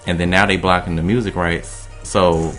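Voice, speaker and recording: Male radio co-host, very low voice, opinionated and emphatic, faint music bed. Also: steady tone, moderate pace, a bit bright. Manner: emphatic, opinionated, rambling run-on talk. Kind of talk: casual opinion chat.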